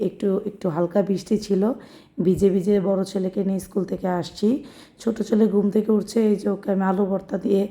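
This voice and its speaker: A young woman from Bangladesh with a hoarse voice, narrating her daily home cooking vlog in a homely, chatty way and explaining each step. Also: mid-range voice, mellow.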